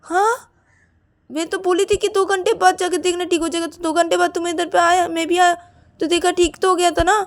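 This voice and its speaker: A woman voicing a defiant young woman who argues back loudly and throws questions back at the other person. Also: very high-pitched, flat delivery, fairly quick, voice pushed up. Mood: indignant.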